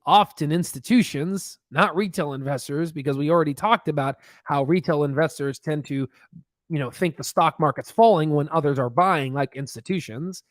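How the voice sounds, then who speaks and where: Close on a boom podcast mic in a home studio, a stock channel host in his thirties livestreams his analysis in a slightly hoarse voice with no echo. He hammers points with emphasis and repetition, animated, at times sinking into whispers.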